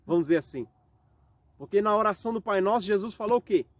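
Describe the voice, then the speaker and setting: This man's high, animated voice carries a Brazilian Portuguese accent as he preaches at home worship. He reads scripture at a slow pace and asks rhetorical questions, all in a dry recording.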